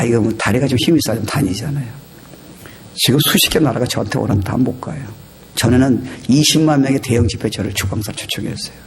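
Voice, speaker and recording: A male pastor preaching a sermon, animated and exhorting, who breaks into shouted quotes and slips in English phrases. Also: medium pitch, gravelly. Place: church.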